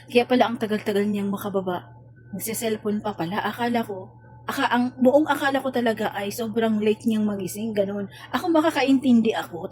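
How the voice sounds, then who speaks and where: A woman's voice: on the high side, husky. A Filipina woman, a domestic worker, venting about a coworker in a casual, exasperated vlog rant. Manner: exasperated, complaining, animated retelling.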